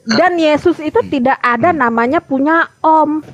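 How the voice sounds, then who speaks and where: High-pitched woman in her 30s, keeps pushing her question, casual debate call. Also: moderate pace. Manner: insistent, repeats her questions. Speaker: debate participant.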